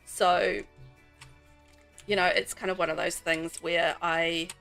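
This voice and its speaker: Bright chatty New Zealand woman. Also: fairly low pitch, flat delivery, takes it slowly, gravelly, soft background music. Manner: rambling, chatty, answers viewers' chat. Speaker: game streamer. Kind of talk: casual chat while playing.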